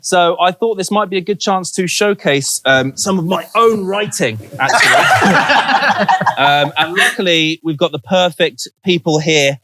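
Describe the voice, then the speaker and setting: A man's voice: high voice, a little slow, sharp tone, a little hiss or hum. A man hosting a live comedy panel show, playful and self-mocking in his banter.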